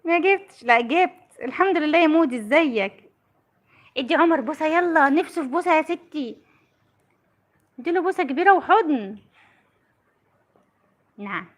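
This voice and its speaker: A woman's voice: high voice, lively intonation, moderate pace, pauses often. A woman with an Egyptian Arabic accent chatting on a call while filming her child, doting and laughing often. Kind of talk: casual family vlog on a phone call.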